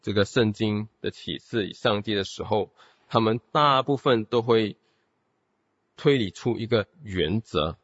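A man's voice: on the low side, unhurried, a bit bright, dry recording. A man giving a theology lecture, explaining step by step with rhetorical questions and saying "OK" constantly between phrases. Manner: peppers speech with "OK" and English terms. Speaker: theology teacher. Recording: dull, dry lo-fi recording.

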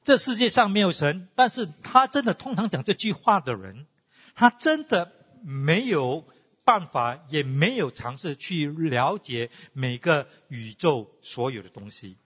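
A man teaching a class in a lively, questioning way and mixing English words into his talk. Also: fairly high pitch, unhurried, slightly rough. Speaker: teacher leading a class discussion. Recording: dull sound in a reverberant hall.

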